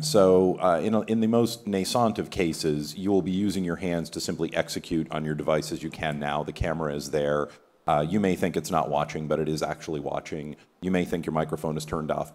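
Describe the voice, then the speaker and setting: Deep-voiced man speaking on a conference panel. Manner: relaxed, conversational, polls the audience. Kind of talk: conference keynote panel talk. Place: conference hall stage, in front of an audience. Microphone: table mic on a stand.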